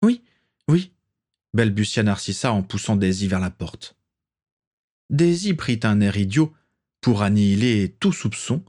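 A man with a lowish voice reads an audiobook aloud from a script. His storytelling is measured and expressive.

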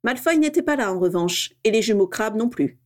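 A woman's voice: on the high side, expressive, brisk, natural voice. Bitter politician man, read by a woman, rattled and sour, a bit raised, storybook reading. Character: bitter middle-aged male politician.

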